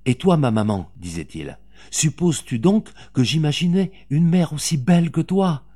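A man's voice: a little high, lively intonation, normal speed, dark tone, pitched above the performer's own voice. A man reading an audiobook, voicing a frightened, loving young boy in a raised, pleading voice. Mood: tender.

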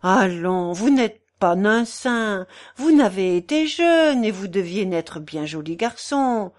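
A woman voicing a gossipy, meddling middle-aged concierge in a storybook reading, with a shrill, wheedling, theatrical manner. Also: expressive, slow pace. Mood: coaxing.

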